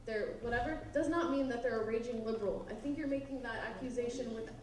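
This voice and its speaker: A woman's voice: on the high side, quick pace, over a noisy crowd. A woman student challenging a speaker at a campus question session, insistent and pushing back. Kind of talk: heated campus Q&A debate. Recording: very echoey hall, far from mic, audience.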